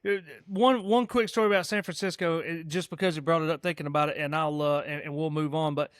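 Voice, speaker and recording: A man's voice: a little high, steady tone, quick pace, a bit bright, clear, resonant tone, dry recording, studio quality. A man hosting a podcast, chatting casually in a rambling, emphatic and profane way. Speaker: podcast host. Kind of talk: casual chat.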